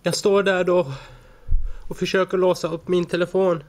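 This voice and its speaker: A man in his forties giving a halting personal account as a defendant in a courtroom, often stumbling and restarting words. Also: sits high, level tone. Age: 40s.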